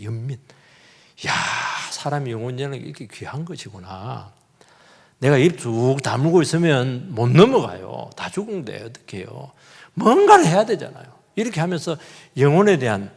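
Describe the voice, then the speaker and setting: A middle-aged male pastor, preaching an animated sermon and swinging between loud outbursts and hushed asides. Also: on the high side, vocal fry, breathy edge. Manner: animated, acts out quoted voices, shifts between loud and hushed. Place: church sanctuary. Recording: long church reverb.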